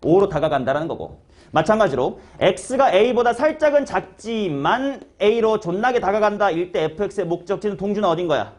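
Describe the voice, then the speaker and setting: A man's voice: sits high, lively intonation, moderate pace, darkish tone. A man teaching a math class, talking casually and quizzing students by name. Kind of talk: classroom lecture.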